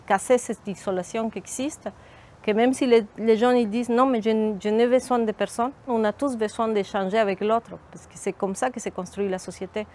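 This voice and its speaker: A middle-aged woman from Mexico, whose first language is Spanish, speaking French with a Mexican Spanish accent. She is a community outreach worker giving a thoughtful interview, pausing and restarting her phrases as she searches for words. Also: fairly high pitch, a little mellow. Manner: thoughtful, hesitant, frequent restarts. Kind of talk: documentary interview testimony.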